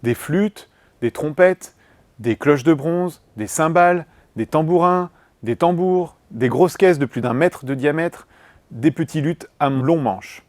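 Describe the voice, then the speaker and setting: A man narrating a scripted music history lesson in a clear, measured way, listing items one by one. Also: on the high side, darkish tone, dry recording.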